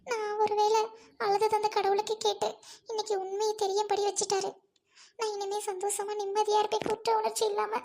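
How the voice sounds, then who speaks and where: A woman's voice: very high-pitched, darkish tone. A woman voicing a guilt-ridden young servant woman confessing through tears in a melodramatic serial scene. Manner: tearful confessing.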